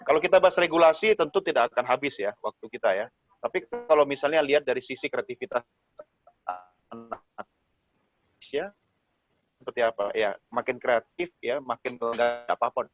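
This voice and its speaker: A man's voice: mid-range voice, fairly quick, pauses often, lo-fi sound, faint music behind. A man in a casual online discussion, asking rambling questions while his voice breaks up over a bad connection.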